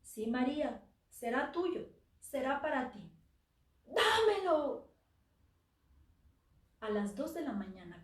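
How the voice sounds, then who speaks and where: A woman telling a dark tale on a theater stage, dropping at times to a near-whisper for effect. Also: a little high. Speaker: oral storyteller. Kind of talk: dramatic live story narration. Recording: echoey theater, from far off the mic.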